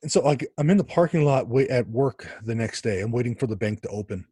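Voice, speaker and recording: A man, a podcast guest, telling his story in an animated conversational way with frequent restarts. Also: medium pitch, fast, slightly rough, no echo, clean studio sound.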